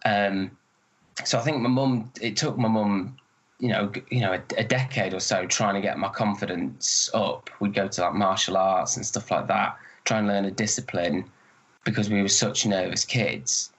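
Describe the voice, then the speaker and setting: This lo-fi clip features a man from northern England whose voice sits on the low side, with a steady tone and normal speed. He's an actor appearing as a guest in a casual interview, telling stories in a chatty, rambling way full of restarts.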